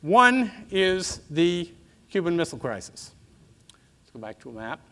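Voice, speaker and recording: A man in his sixties giving an academic lecture in a measured, discursive professorial manner with asides. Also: fairly high pitch, sing-song, sharp tone. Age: 60s. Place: auditorium stage at a lectern, indoors.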